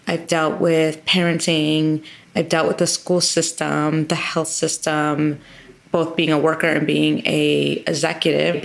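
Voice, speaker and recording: A woman state legislator, appearing as a guest, answers interview questions earnestly and emphatically, piling up lists of repeated phrases. She has a low voice with vocal fry.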